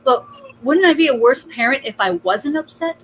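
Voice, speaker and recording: A woman's voice: sits high, animated, normal speed, a bit bright, slight background noise, poor audio. A woman hosting an online interview, giving casual, supportive advice in a chatty way with plenty of fillers, heard over a video call. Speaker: host.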